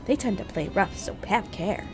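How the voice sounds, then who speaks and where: A woman's voice: expressive, normal speed, over music, close to an everyday voice. Woman voicing a lilting, mischievous game pixie. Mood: pleading, whimsical. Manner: airy, theatrical, addresses listeners as lowly mortals. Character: playful, mischievous female pixie, whimsical and lofty.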